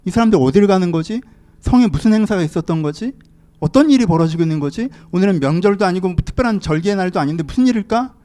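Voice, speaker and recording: A man's voice: high-pitched, lively intonation, fast talker, dark tone, pitched above the performer's own voice. A man voicing a desperate blind beggar who pleads and asks bewildered questions.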